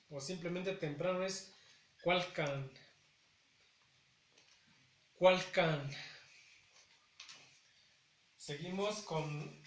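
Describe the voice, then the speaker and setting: A man's voice: fairly high pitch, echoey room, slight background noise. A man teaching a language lesson, carefully repeating each word with hesitant fillers between phrases. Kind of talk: slow spoken language lesson.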